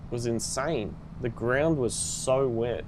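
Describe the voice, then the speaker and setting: A man's voice: mid-range voice, takes it slowly, noisy background. A man streaming a game live, chatting casually with viewers and reacting with upbeat exclamations.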